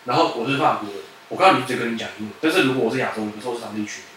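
A young man from Taiwan, chatting rapidly on a podcast and often cutting in with quick agreement. His voice is bright and mid-pitched. The recording sounds distant and strongly echoing, with faint background noise. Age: young adult. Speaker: podcast co-host. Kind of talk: casual chat. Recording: echoey room, mic far off, faint noise.

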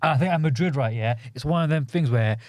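Young man, London roadman accent, quick casual banter, insistent, slangy, dry close sound. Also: a little high, no echo. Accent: London roadman, multicultural urban slang. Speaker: football podcast co-host.

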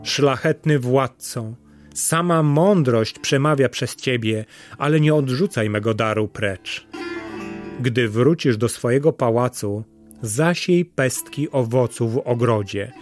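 A man's voice: medium pitch, slow, faint music behind, lightly acted. A man voicing a loyal, wise female talking parrot who speaks in a courtly, imploring way. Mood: earnest.

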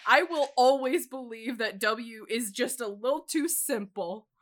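A woman's voice: on the high side, measured pace. An American woman hosting a podcast, chatting casually, blunt and rambling, swearing freely. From United States. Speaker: podcast host.

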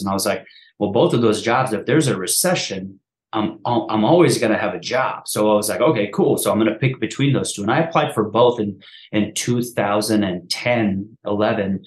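This thirty-something Afghan man, a podcast host, rattles through his own story in a relaxed interview. His voice sits on the low side, and he keeps restarting sentences and tossing in "man", all in an echoey room.

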